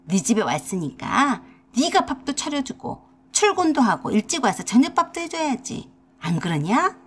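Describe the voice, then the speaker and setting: A woman's voice: sits high, sing-song, normal speed, breathy edge, heavily acted. A woman voicing a domineering older mother-in-law who nags and scolds, using rural dialect words. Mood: scolding. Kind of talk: radio drama acting.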